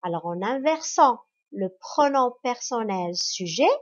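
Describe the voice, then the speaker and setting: A woman teacher giving a grammar lesson to children, speaking in a slow, spelled-out and encouraging way. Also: a little high, expressive. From Morocco. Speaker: primary school teacher. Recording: dull lo-fi recording.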